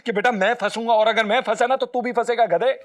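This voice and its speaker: A man's voice: very high-pitched, steady tone, fast. An actor in a sitcom playing a grown man who scolds his reckless friend and grumbles to himself about the trouble ahead. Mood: scolding. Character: exasperated male friend and co-schemer, scolding. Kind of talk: sitcom acting.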